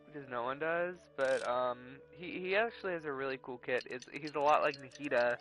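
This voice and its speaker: A man streaming a video game, talking casually and with excitement at a middle pitch. He is chatty and sometimes swears. Faint game music plays behind him. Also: brisk, poor audio.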